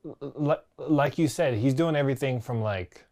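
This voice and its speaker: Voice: mid-range voice, normal speed, darkish tone. Laid-back slangy co-host. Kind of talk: casual studio chat. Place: TV studio.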